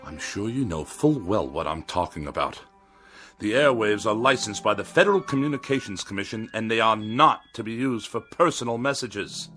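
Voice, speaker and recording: For a radio drama, an irascible, haughty middle-aged misanthrope speaks in a scornful mood, forceful and very animated with an indignant, sarcastic bite. His voice sits on the low side at a moderate pace, over faint music.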